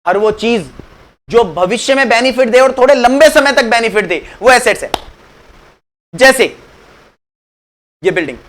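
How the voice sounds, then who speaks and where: In a chatty accounts lecture, a male teacher with a very high, expressive voice speaks a little slowly, leaving long pauses, his tone fairly bright. He poses questions to students and answers them himself, mixing English phrases into his Hindi and fondly calling them "beta." Slight background noise is audible.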